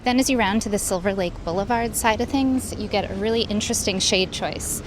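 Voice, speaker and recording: Woman, casual running vlogger, conversational mid-range voice, recorded with clear outdoor ambience and traffic noise behind her. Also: medium pitch, brisk. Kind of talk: casual vlog narration of a run.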